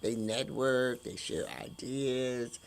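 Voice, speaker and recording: A woman hosting an inspirational podcast, speaking in slow, drawn-out emphatic phrases. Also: extremely low pitch, little pitch movement. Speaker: host.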